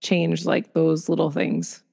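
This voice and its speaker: A woman in her thirties chats candidly as a podcast co-host, her voice sitting a little low. She laughs often and lets thoughts trail off before picking them back up. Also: monotone, slow, gravelly, darkish tone, breathy edge. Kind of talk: casual chat.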